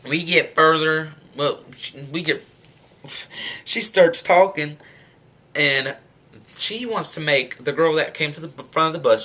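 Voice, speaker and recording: A young man in his late teens telling a story in a casual rant, animated and exasperated. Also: fairly high pitch. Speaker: vlogger.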